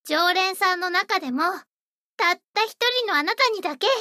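A woman's voice: extremely high pitch, moderate pace, sharp tone, no echo, studio quality. A woman voicing a sweet, eager young maid-café hostess who speaks politely and dotingly. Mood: cheerful. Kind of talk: roleplay audio drama.

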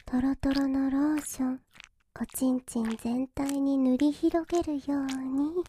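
A woman voicing a teasing young masseuse who tends to a hero, speaking in a soft breathy whisper with a slow, coaxing, giggly manner. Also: high voice, steady tone, a little hiss or hum. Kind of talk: whispered ASMR roleplay.

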